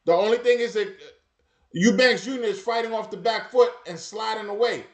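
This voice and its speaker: A man's voice: high-pitched, moderate pace, reverberant, background noise. A man hosting a live boxing watch party, commentating emphatically and repeating his phrases over and over.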